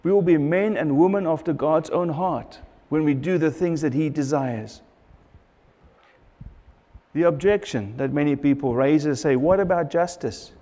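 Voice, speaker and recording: A man's voice: a little high, unhurried, mellow, in a large hall. A middle-aged man preaching a sermon at a church pulpit, earnest and repeating phrases for emphasis, on a lapel mic. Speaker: pastor.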